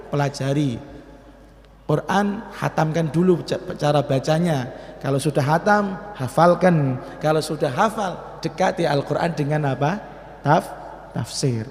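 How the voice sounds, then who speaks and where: A man with a Central Javanese accent giving a lively Ramadan study lecture as an Islamic teacher, asking his listeners questions and slipping into Javanese. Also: on the high side. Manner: lively, asks the audience questions, switches into Javanese. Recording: echoey hall with long reverb.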